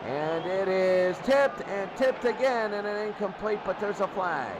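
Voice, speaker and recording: Following the play, a man gives live American football commentary at a measured pace, his high-sitting voice lively as he repeats his clipped calls. Loud crowd noise fills the noisy recording.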